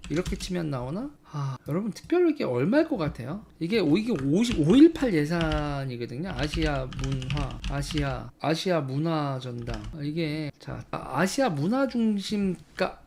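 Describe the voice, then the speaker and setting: A man's voice: on the high side, sing-song, normal speed, few pauses, a little mellow, slight background noise. A man giving casual, blunt political commentary to his viewers. He swears in sudden heated bursts and thinks aloud while looking things up on screen.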